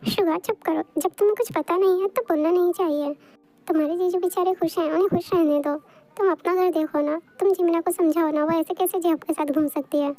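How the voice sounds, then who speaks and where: A stern older sister fires off sharp scolding retorts in a very high yet mellow voice, voiced by a woman. It is a homemade Hindi fan voice-over dub. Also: steady tone, a little fast.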